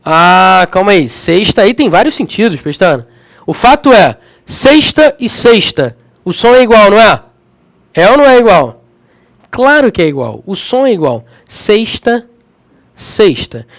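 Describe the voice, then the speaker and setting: A man's voice: high-pitched, dry recording. A man with a Rio de Janeiro accent teaching a grammar lesson, chatty and checking in with his students often. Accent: Rio de Janeiro Portuguese. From Rio de Janeiro, Brazil. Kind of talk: lively classroom lesson.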